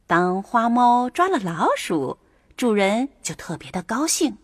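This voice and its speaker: A woman gently introducing a children's story. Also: on the high side, very animated, unhurried, no echo, studio quality. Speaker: story host.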